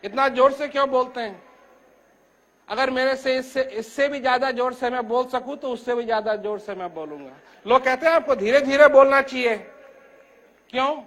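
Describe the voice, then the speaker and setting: An older man giving an emphatic spiritual discourse, speaking loudly and from the heart, his voice rising and falling. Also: moderate pace. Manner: rises and falls in pitch and loudness. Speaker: spiritual teacher.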